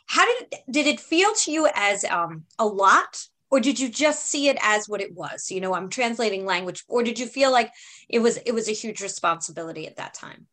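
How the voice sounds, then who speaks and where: A woman's voice: on the high side, lively intonation, normal speed, sharp tone. A woman hosting an interview, effusive in her praise and asking long, rambling questions filled with "you know". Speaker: interviewer host. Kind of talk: conversational interview.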